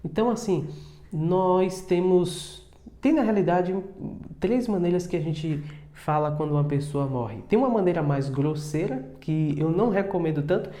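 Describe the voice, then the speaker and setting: Male online teacher, warm mellow voice, casual and chatty, echoey room. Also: high-pitched, animated. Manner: chatty, repeats words slowly with many tags like tá and né. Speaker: English teacher. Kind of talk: casual video lesson.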